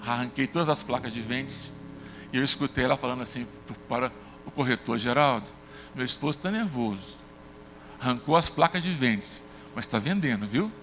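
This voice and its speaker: A Brazilian man preaching a sermon as pastor, telling personal stories and acting out the dialogue with lively shifts of voice. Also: brisk, in a large hall, soft background music. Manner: conversational storytelling, acts out dialogue with shifts in pitch. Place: church sanctuary.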